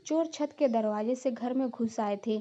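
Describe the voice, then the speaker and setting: A woman's voice: fairly high pitch, moderate pace, mellow, highs cut off, natural voice. A woman voicing a sly, chatty young neighbour in a cartoon story.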